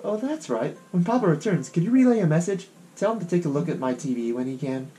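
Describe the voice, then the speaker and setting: A man voicing a kindly old grandmother who runs a shop in a game, speaking slowly and softly. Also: a little high, expressive, lightly acted. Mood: gentle. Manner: slow, soft old-lady delivery. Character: kindly old grandma shopkeeper, gentle and homely. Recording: guitar music playing behind.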